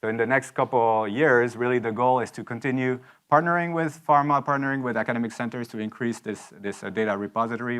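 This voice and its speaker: A man giving a rushed startup lightning talk, halting and repeating words as he presents technical material. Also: on the low side, fairly bright tone. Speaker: anesthesiologist.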